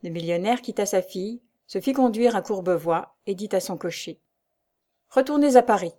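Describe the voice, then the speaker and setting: Audiobook narrator, woman, calm and even, warm mellow tone. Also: medium pitch, moderate pace. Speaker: audiobook reader. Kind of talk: scripted narration of a classic novel.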